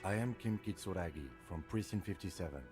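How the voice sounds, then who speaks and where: An actor playing a calm, formal police lieutenant in a video game, measured and polite. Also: male voice, low-pitched, loud music behind the voice, lightly acted. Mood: composed.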